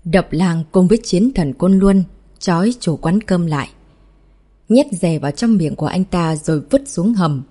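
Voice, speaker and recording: Low, mellow-voiced woman narrator. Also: moderate pace, husky. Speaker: audiobook narrator. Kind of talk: scripted novel narration.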